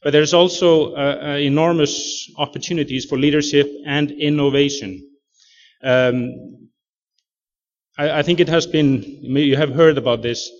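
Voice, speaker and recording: A man from Iceland giving a talk over slides, speaking haltingly with many fillers and restarts. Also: a little high. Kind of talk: lecture presentation. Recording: muffled lo-fi recording.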